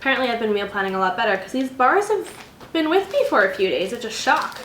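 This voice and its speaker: Bright chatty young woman vlogging. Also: a little high, very animated, fast talker. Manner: chatty and rambling, with self-corrections. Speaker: beauty and lifestyle vlogger. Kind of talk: casual product review vlog. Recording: echoey home room with faint noise.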